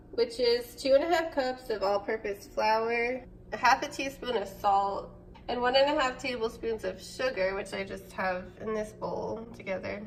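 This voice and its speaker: A woman in her twenties, stuffy and nasal from a cold, chats casually and thinks aloud while cooking in her home kitchen for a vlog. Her voice is a little high and gravelly. The close-up camera or phone recording is rough, with a slight hiss or hum.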